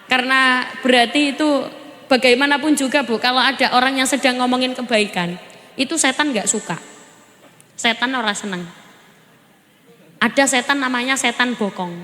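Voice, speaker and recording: A Javanese-accented woman preaches with a high, bright voice. Her delivery is playful and chatty, and she keeps turning to the crowd with questions. Her voice rings through a hall that carries a long echo. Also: moderate pace, pauses often, slight background noise. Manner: playful, chatty, quizzes the audience. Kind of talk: humorous sermon at a religious gathering. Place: on stage at a large gathering.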